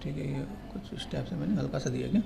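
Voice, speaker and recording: A man giving a casual, repetitive software tutorial, pointing things out step by step. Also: fairly high pitch, racing, gravelly, background noise. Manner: repetitive, keeps saying "here" and "okay". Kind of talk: casual screen-recorded tutorial.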